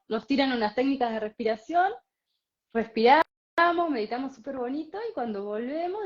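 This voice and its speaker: A woman, co-hosting and telling a spiritual story in a casual, animated way with frequent laughs. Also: sits high. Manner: animated, laughs often, many fillers. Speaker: podcast co-host. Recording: slightly dull lo-fi sound.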